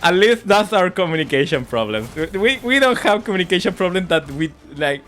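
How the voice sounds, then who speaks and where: This man talks briskly in a high-pitched, fairly bright voice and is very animated. A first-language Spanish speaker with the accent to match, he chats casually while streaming a game, laughing a lot and repeating words as he trips over them.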